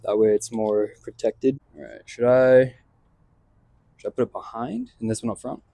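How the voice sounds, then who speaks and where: A man with a medium-pitched, mellow voice talks at a moderate pace and a steady tone, with no echo. As a vlog host, he casually narrates his hands-on install on a pickup truck, thinking aloud in a relaxed, slangy way while working in and around the vehicle.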